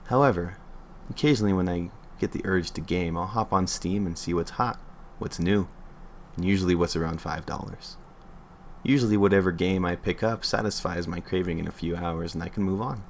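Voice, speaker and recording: A man with a low voice and vocal fry speaks a little fast, with slight background noise. On a livestream, he offhandedly reads a creepy internet story aloud, stumbling and correcting himself along the way.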